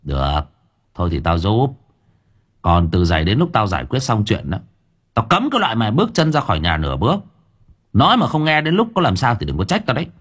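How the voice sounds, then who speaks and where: A sly, domineering young exorcist, as a male narrator puts him on, sweet-talking one moment and threatening the next. His voice is very low and husky, with a lively, swinging pitch. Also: brisk, full character voice. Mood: mocking.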